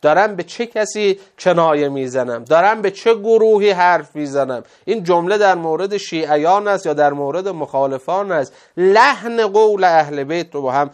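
A man giving a religious lecture, explaining at length and quoting Arabic scripture in a slow, measured recitation. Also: high-pitched, lively intonation. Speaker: cleric.

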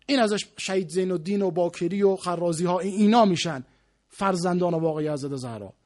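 Male preacher, high-pitched tenor, fervent sermon delivery, volume swings from hushed to booming, lots of rhetorical questions. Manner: impassioned, with rapid rhetorical questions; swings from low murmurs to loud exclaiming. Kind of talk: religious sermon.

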